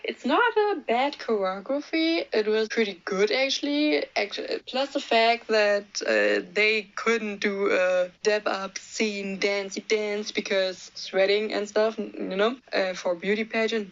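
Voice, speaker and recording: A woman's voice: medium pitch, highs cut off. Blunt, sweary young woman recapping a movie. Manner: blunt, sweary, laughs at her own jokes. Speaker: movie reviewer.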